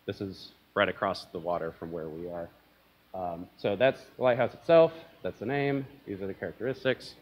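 Speaking at a moderate pace in a deep voice, a young man presents from a lectern at an academic conference, casual and self-deprecating, often filling pauses with ums and uhs. The audio is dull.

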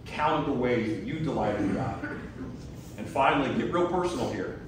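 A man's voice: mid-range voice, sing-song, moderate pace, background noise. A man preaching as a guest speaker in a church, earnest and building to emphatic peaks. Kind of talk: sermon. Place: church sanctuary. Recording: echoey church from far off.

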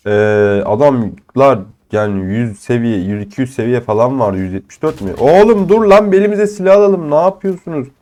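Excitable young man commentating a shooter game. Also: medium pitch. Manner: excitable, swears and jokes at opponents. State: ill with a cold. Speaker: gaming channel host. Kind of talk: live gameplay commentary.

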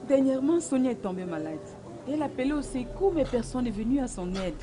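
A woman dubbing a sorrowful cousin in a film drama, speaking quietly and evenly. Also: high-pitched, very animated, fast talker, over music.

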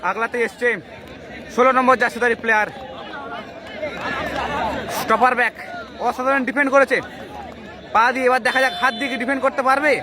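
A man calling a penalty shootout live, in excited, urgent football commentary full of repeated exclamations. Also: very high-pitched, a little fast, long pauses. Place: outdoor football ground during a match. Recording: noisy outdoor stadium with loud crowd. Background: loud crowd and noise.

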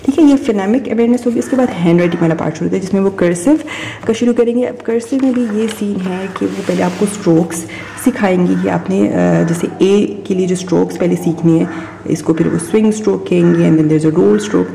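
Low gravelly woman explaining a homeschool curriculum, warm mellow voice, bit of hiss behind. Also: brisk. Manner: mixes Hindi and English, many fillers, demonstrates words aloud. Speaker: homeschooling parent reviewing a curriculum. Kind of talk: casual curriculum walkthrough.

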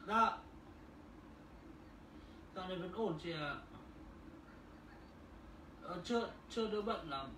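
A man's voice: sits high, takes it slowly, pauses often, pushed and bright. Polite man answering from far off. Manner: polite, brief replies. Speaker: caller. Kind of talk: polite phone chat. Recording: distant, roomy, noisy.

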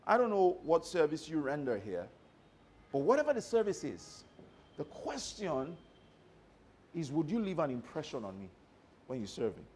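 A man's voice: fairly high pitch, moderate pace, pauses often, slight background noise. A man giving a live motivational workshop talk to staff, telling stories and often checking that the audience follows him. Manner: animated storyteller who checks in with the audience. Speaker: motivational trainer.

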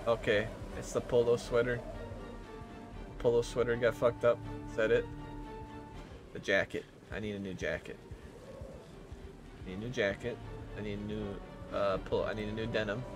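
A man playing a survival game and commenting to himself, muttering, cursing and jumping into loud bursts. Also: lowish voice, steady tone, moderate pace, pauses often, over music. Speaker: gamer. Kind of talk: let's play commentary.

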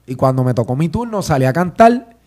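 Hoarse man telling a story. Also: mid-range voice, sing-song, a little fast, a little mellow. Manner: storytelling, quotes others, says "¿me entiendes?". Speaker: podcast host; singer. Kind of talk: casual chat.

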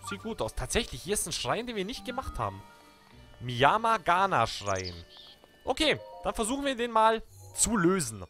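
A young man with a German accent, chatting excitedly to viewers while playing a video game. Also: high voice, normal speed, soft background music. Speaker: let's play gamer. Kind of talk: live game commentary.

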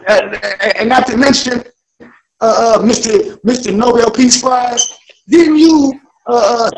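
High-voiced excited man ranting on a call. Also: a little hiss or hum, poor audio. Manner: excited, profane, stammering restarts. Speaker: panelist. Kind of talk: casual chat. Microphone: video call.

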